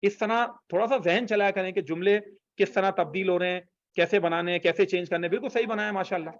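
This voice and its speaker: A man's voice: sits high, dry recording, dull audio. A man teaching an online language class, patiently repeating phrases for students to copy. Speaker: Arabic teacher.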